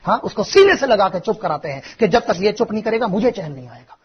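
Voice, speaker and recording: A man's voice: high voice, sing-song, fast, slight background noise. A man preaching a fiery sermon, speaking emphatically and rhetorically and addressing the listener directly. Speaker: Islamic preacher. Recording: muffled, lo-fi sermon recording.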